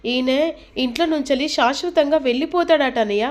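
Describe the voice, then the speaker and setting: A woman's voice: high-pitched, fairly quick, natural voice. A woman reading the lines of an anxious, devoted wife pleading with her husband in a worried tone.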